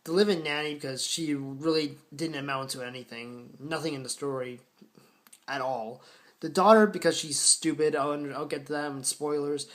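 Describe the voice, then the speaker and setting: A man giving a casual film review, rambling and halting with many fillers, restarts and casual swearing. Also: a little high, steady tone, fairly bright tone. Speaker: horror film vlogger.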